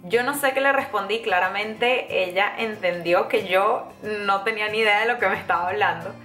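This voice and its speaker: A young woman from Venezuela with a Venezuelan accent, telling a casual story to camera in a chatty, animated way with many fillers and restarts. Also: medium pitch, normal speed. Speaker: vlogger. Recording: echoey room, faint music behind.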